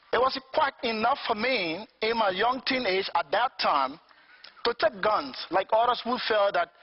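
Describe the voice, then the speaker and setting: A man's voice: sits high, husky, dull audio. A man from Liberia in his fifties, giving a formal, earnest speech as an invited speaker and posing rhetorical questions.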